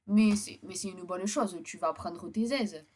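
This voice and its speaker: A woman co-hosting a dating game playthrough, reading character dialogue aloud and chatting casually in an excitable, slangy way. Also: on the low side, unhurried. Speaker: co-host playing a dating game.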